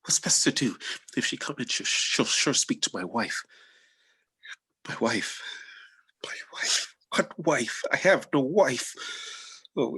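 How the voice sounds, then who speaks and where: A man's voice: medium pitch, fairly bright tone, breathy edge. A man playing a tormented, jealous husband and lord, brooding and declamatory, in a Shakespearean tragedy reading. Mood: anguished. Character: tormented, jealous husband and military lord who has killed. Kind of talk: Shakespearean tragedy cold read.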